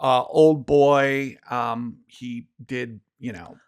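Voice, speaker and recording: A man's voice: mid-range voice, fairly even intonation, very slow, smooth. A man co-hosting a podcast in casual chat, emphatic and reflective. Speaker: podcast co-host.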